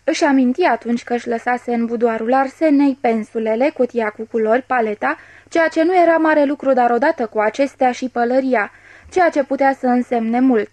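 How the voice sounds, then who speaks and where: A woman reading a classic novel aloud as an audiobook narrator, measured and expressive, voicing the dialogue. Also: fairly high pitch, no echo. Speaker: audiobook reader.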